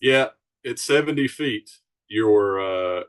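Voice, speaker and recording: Podcast guest: easygoing man, fairly low voice, informal and explanatory. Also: lively intonation, takes it slowly. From Alabama Gulf Coast, United States. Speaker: podcast guest, charter sailboat captain. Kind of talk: casual chat, explaining.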